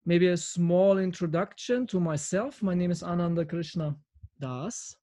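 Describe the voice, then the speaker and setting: A man's voice: high-pitched, warm tone. Earnest man from Austria on a video call. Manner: earnest, halting with fillers and restarts. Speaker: devotee lecturer. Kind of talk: online talk over video call. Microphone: video call from home camera.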